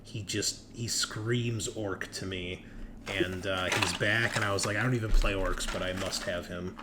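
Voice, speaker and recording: On the low side, with fairly even intonation and an unhurried delivery, this man hosts a casual chat as game master. He's enthusiastic and informal, leaning on slang and heavy swearing, with noticeable background noise in the recording.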